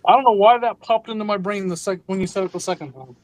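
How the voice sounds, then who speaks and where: A man's voice: sits high, fast, slight background noise, poor audio. A man co-hosting a casual reselling live show, blunt and sure of what he says. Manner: blunt, speaks from experience. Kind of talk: casual group chat.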